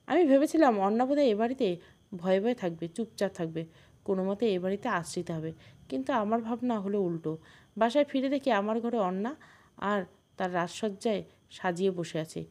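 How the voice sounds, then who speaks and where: A woman tells a first-person audio story, earnest and emotional. Her pitch sits in the ordinary middle for a woman. She reads it steadily as a storyteller. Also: a little mellow.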